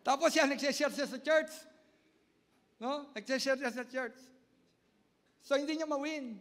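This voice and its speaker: Man, pastor, sermon, very high-pitched, emphatic, repeats words, echoing church hall. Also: slow, pauses often. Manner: emphatic, repeats key words, swings from loud to soft. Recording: long hall reverb.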